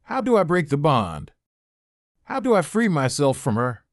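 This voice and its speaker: In a dry, clean studio recording, a man voices a frightened young woman, pitching his voice fairly high, above his natural range. He's very animated at a moderate pace, asking anxious, pleading questions.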